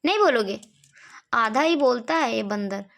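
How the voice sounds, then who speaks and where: A woman's voice: on the high side, lively intonation, a little slow, creaky, fairly bright tone. A woman talking to her pet parrot at home, coaxing it and calling its name again and again in a sing-song way. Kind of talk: casual talk to a pet.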